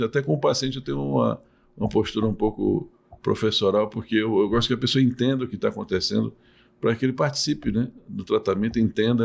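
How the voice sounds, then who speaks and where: A man's voice: on the low side, gravelly. A middle-aged man from Salvador, a urologist and professor, answering podcast interview questions in a patient, explanatory way with many restarts. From Salvador, Bahia, Brazil.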